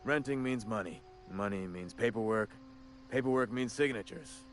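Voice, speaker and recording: A man's voice: mid-range voice, moderate pace, slight background noise, lightly acted. [name], a man voicing a folksy undertaker. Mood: conspiratorial. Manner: drawling, folksy, conspiratorial. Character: folksy undertaker man, middle-aged, shady and businesslike. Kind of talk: game dialogue. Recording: game audio with background music.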